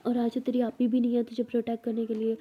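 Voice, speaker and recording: A woman's voice: a little high, monotone, fast talker, dull audio, slight background noise, natural voice. A woman voicing a loyal young best friend who soothes and comforts. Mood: caring.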